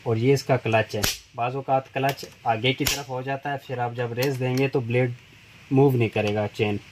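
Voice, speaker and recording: Here a middle-aged man from a tool shop shows how a chainsaw works, one step at a time, his hands busy on the tool. He talks slowly in a steady, mid-range voice with almost no rise or fall. Recorded by phone over the counter, the audio includes clear background noise.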